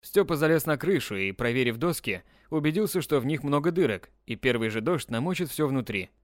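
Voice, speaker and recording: A man's voice: mid-range voice, lively intonation, a little fast, no echo, clean studio sound. A man narrating a children's story as an audiobook reader, telling it expressively. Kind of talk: scripted narration.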